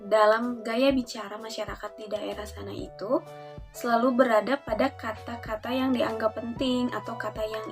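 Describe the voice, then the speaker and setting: A young university woman presents her research in a measured, explanatory way, with a slightly higher voice. Soft music plays faintly behind her as she talks. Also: steady tone. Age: young adult. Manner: measured, explanatory, with fillers like "nah" and "gitu". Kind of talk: academic presentation.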